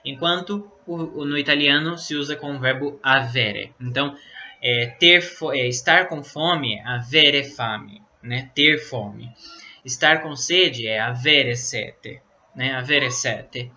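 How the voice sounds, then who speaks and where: A Brazilian man with a very bright, sharp voice at an ordinary pitch, teaching Italian in a loose, conversational way. He explains things patiently and keeps checking in with "né?" and "tá?". The recording is dull and lo-fi. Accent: Brazilian Portuguese. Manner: explains slowly, many fillers like "né?" and "tá?". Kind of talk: casual online language lesson. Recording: dull lo-fi sound.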